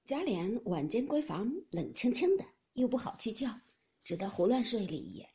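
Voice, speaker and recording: A woman narrating a classical novel as an expressive audiobook storyteller. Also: on the high side, moderate pace, slightly rough.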